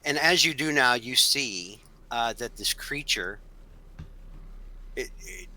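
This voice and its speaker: A man's voice: medium pitch, lively intonation, takes it slowly, pushed and bright, low-quality recording. A young man running a tabletop horror game as game master, narrating loosely with many fillers.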